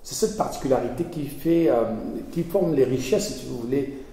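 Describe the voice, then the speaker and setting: A man's voice: mid-range voice, moderate pace, mellow. A man being interviewed as an essayist, speaking earnestly and hesitantly, often restarting his phrases. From Belgium. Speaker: essayist guest. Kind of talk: conversational interview. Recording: echoey hall from far off.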